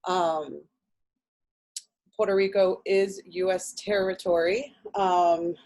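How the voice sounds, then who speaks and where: Slow, measured woman on a panel. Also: lowish voice, level tone, a little mellow. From New Jersey, United States. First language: Spanish. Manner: measured, many pauses and fillers. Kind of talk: panel discussion.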